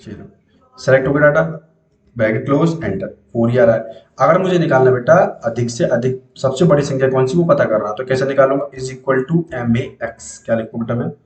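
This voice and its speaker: In a screen-recorded spreadsheet tutorial, a computer teacher walks through the basics one step at a time, asking questions, repeating them to students, and answering them. His mid-range voice is a little mellow and fairly quick, and the sound is reverberant and lo-fi.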